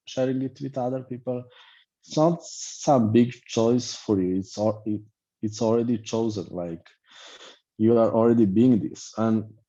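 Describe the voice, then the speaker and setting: A man's voice: mid-range voice, dark tone, dull audio. A man with a loose, blunt manner, filler-heavy and repetitive, giving an online class as a life coach over a video call.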